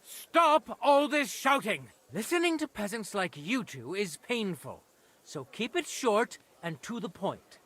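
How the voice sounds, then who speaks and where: A pompous noble judge. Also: male voice, high voice, big pitch swings, unhurried, fairly bright tone, slightly rough, heavily acted. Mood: imperious. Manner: pompous, imperious, contemptuous. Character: haughty noble judge, lord presiding over trial.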